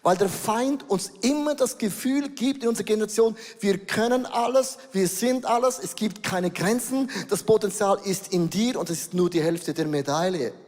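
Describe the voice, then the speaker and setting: Man, Swiss German accent, pastor preaching, fairly high voice, long hall reverb. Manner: animated, shifts between slow emphatic words and rapid bursts. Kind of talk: sermon. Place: large church hall.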